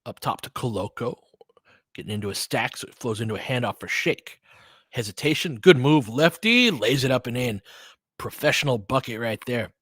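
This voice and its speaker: Doing live basketball play-by-play for his podcast, a man keeps it casual and clipped, replying to listener chat along the way. His medium-pitched voice is animated, fairly bright, and slightly rough at a moderate pace, in a dry, clean studio recording.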